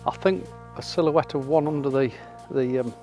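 A middle-aged man on a beach, talking casually about his landscape photography, enthusiastic and sometimes dropping to a soft hush. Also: medium pitch, normal speed, soft background music. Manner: enthusiastic, drifting to soft hushed remarks. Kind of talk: casual vlog narration. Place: open sandy beach outdoors at sunset.

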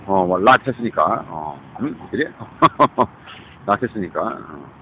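A man in his fifties talking in a rambling monologue, mixing English words into his speech and often adding tag questions. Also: mid-range voice. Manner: rambling, muttering asides. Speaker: street preacher livestreamer. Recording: tinny phone-like lo-fi audio with faint noise.

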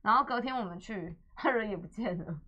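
A woman's voice: mid-range voice, fairly quick, dull audio. A young woman with a Taiwanese Mandarin accent, hosting a radio chat and telling stories with acted-out dialogue and laughter. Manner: animated storyteller, acts out dialogue, laughs often. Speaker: radio host. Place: radio studio.

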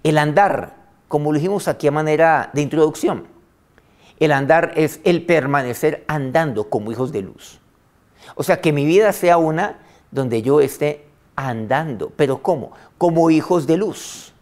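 A man preaching a sermon, reading scripture aloud with emphasis, slowing on key phrases and letting line ends trail off softly. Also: a little high. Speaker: pastor.

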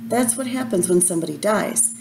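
A woman voicing a gentle, caring mother raccoon who speaks softly and patiently. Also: mid-range voice, animated, a little fast, gravelly, background noise. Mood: soothing. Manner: soft, soothing, patient.

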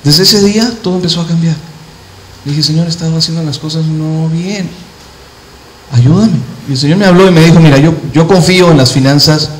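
A male pastor preaching a sermon, quoting scripture and telling personal stories, slowing down and speeding up as he goes. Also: fairly high pitch, fairly bright tone. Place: church hall. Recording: echoey church hall.

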